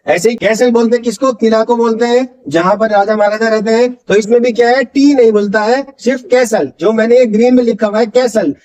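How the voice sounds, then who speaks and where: A man with an Indian accent teaching English pronunciation in Hindi, patiently explaining and slowly drawing out model words for learners to repeat. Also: extremely high pitch, darkish tone. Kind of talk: Hindi-language pronunciation lesson.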